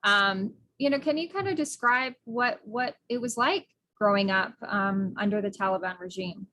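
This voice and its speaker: A woman's voice: medium pitch, normal speed, sharp tone. A middle-aged American woman hosting a podcast interview, speaking earnestly with frequent fillers and restarts. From United States. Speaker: podcast host. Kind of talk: casual interview.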